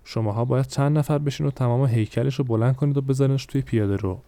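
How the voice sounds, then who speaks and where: A man voicing a fussy male gentleman in a spoken story, objecting quickly. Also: mid-range voice, dry recording, voice pushed up, close to an everyday voice. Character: well-dressed male gentleman with glasses, fussy.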